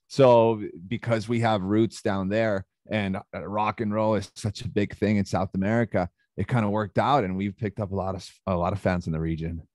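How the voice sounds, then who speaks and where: A man's voice: lowish voice, fairly even intonation, moderate pace, few pauses, a little mellow, no echo, clean studio sound. A young man from Chile, a band frontman, chatting casually in an interview, laughing often and talking loosely with fillers.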